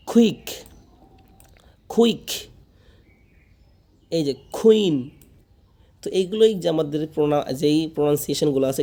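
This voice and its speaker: A man leads a beginner pronunciation lesson. His voice sits a little high but sounds mellow and relaxed. He repeats words patiently and throws quick questions at his listeners. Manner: drills words by repetition, asks the viewer questions. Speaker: spoken English teacher.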